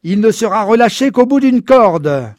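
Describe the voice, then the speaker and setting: A menacing mob leader sneers and presses his point loudly, his voice pitched up. A man narrating the book acts him out. The sound is dry and close-miked. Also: very animated, moderate pace, no room sound. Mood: sneering. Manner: loud, sneering and insistent.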